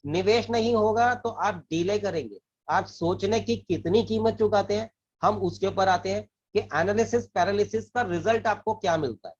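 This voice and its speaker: This financial advisor's voice is high-pitched and slightly rough, moving at a normal pace. Speaking to camera in Hindi sprinkled with English terms, he earnestly covers saving and investing, often starting phrases over or repeating them, in a dull lo-fi recording.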